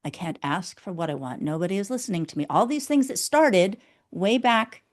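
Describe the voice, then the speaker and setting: A woman explaining her ideas as a guest in an interview. She talks like a teacher, walks through each step and keeps checking in with a quick "okay?". Her pitch sits in the middle range. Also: lively intonation. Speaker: guest, inner critic specialist.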